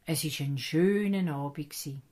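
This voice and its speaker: A woman with a Swiss German accent telling a Bible story to children in an expressive storytelling manner. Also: low-pitched, a little slow.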